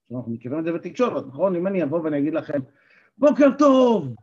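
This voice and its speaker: A man, an NLP coach and therapist, giving an animated workshop talk and asking the group questions. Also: a little high, breathy edge, dull audio.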